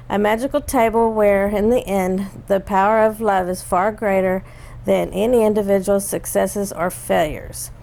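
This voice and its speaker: A middle-aged woman co-hosts a casual chat about a play. Her voice has a gravelly fry, and she laughs easily and trips over hard names as she reads. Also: medium pitch. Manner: giggly, warm, stumbles over names. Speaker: theater review co-host.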